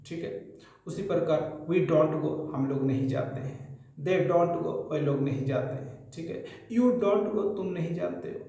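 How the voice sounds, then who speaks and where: A man's voice: on the high side, unhurried, mellow. A man teaching a spoken English grammar lesson, patiently drilling example sentences one after another. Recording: very echoey room.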